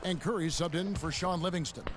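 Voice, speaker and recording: A man's voice: high-pitched, background noise, close to an everyday voice. A man voicing the play-by-play announcer in a basketball video game, calling the action. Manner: crisp, measured announcer delivery. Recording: game audio with loud music.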